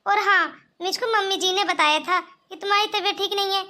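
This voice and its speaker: An easygoing young husband in a cartoon story, voiced by a woman. He reassures his family casually, in a very high, bright voice. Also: steady tone, brisk. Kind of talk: cartoon voice acting.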